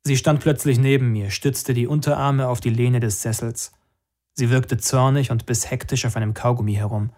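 A man narrating an audiobook in the first person, in an even storytelling way. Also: mid-range voice, moderate pace.

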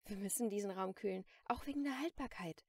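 A woman reading an audiobook, voicing an adult saleswoman in an art gallery who speaks in a brisk, matter-of-fact way. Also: medium pitch, no echo, clean studio sound, close to an everyday voice. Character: adult female gallery saleswoman, cool then frightened.

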